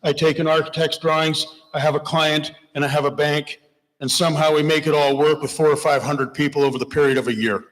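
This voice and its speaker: A bright-toned man with a fairly high pitch talks briskly, with fairly even intonation. Running for election as an independent, he answers an audience member plainly and passionately, his words echoing through the long reverb of a church hall.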